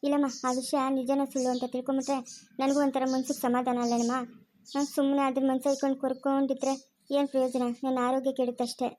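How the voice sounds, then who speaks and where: A woman's voice: high voice, flat delivery, fast talker, darkish tone, a little hiss or hum, close to an everyday voice. A woman playing a pleading, anxious mother. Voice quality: emotional, pleading. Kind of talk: amateur family drama acting.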